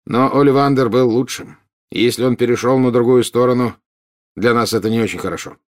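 A man voicing a calm, sober adult wizard. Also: mid-range voice, brisk, close to an everyday voice.

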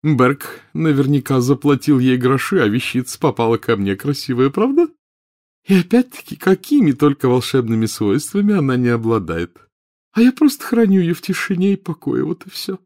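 A man's voice: medium pitch, big pitch swings, normal speed, darkish tone, no room sound, studio quality, pitched above the performer's own voice. A male audiobook reader voicing a silly, doting old witch who gushes over her treasures in fussy exclamations. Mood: gushing. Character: silly gushing rich old witch woman. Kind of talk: audiobook character voice.

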